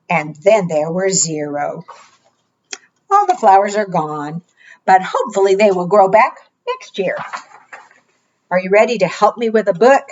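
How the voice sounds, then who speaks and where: Slow, lively woman, kids' show host. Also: mid-range voice, lo-fi sound. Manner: kids' show host style, coaxing child listeners with questions. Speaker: children's storytime host. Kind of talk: preschool storytime read-aloud with rhymes and counting.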